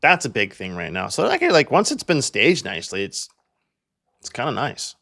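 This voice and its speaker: Gravelly, pushed, and bright, a young Canadian man's mid-range voice swings hugely in pitch at a moderate pace. As the agent hosting a casual real estate walkthrough video, he talks chattily and fills his speech with "like."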